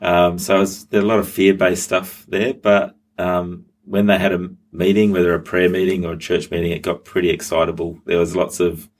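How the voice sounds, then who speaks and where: A middle-aged Australian pastor shares his personal testimony as an interview guest, hesitating with lots of ums and restarts. His low voice holds a level tone at a moderate pace with hardly any pauses.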